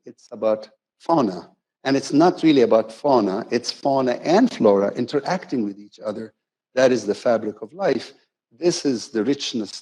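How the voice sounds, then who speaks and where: A man's voice: medium pitch, warm tone, poor audio. A man giving a conversational, playful conference keynote, often correcting himself mid-sentence. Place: conference hall.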